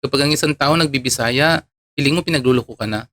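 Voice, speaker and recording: Man from palawan, online commentator, chatty, chuckling, mid-pitched. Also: fast talker, fairly bright tone. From Palawan, Philippines. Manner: chuckling, chatty, many fillers. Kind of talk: casual commentary.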